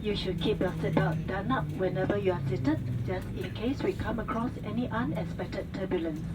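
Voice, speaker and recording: Female flight attendant, formal instructional safety briefing, mid-pitched voice, distant PA with loud aircraft noise. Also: moderate pace. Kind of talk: scripted airline safety briefing announcement. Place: inside an airliner cabin over the PA. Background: loud aircraft cabin ambience.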